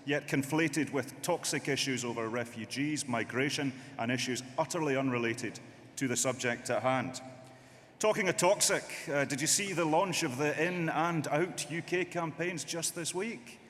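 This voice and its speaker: A man's voice: mid-range voice, a bit bright. A man giving an emphatic political speech from the lectern at a party conference. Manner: rousing, emphatic oratory. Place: large conference hall. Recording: reverberant hall, faint noise.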